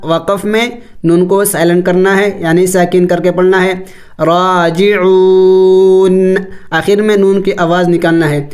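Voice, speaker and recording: A man teaching Quran recitation with tajweed, spelling letters and vowels slowly, then explaining the rules quickly. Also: high-pitched, fairly even intonation, a little mellow.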